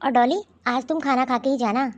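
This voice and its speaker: Lady voicing a sly scheming sister-in-law, cartoon, high voice. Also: fairly quick, muffled recording, slight background noise, close to an everyday voice. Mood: friendly. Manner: sly muttered asides. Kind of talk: animated cartoon dubbing.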